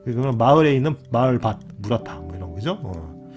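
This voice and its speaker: A man's voice: medium pitch, sing-song, a little fast, darkish tone. A man explaining things in a casual lesson, repeating key words and checking in with short tag questions. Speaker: lecturer on a channel. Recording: faint background music.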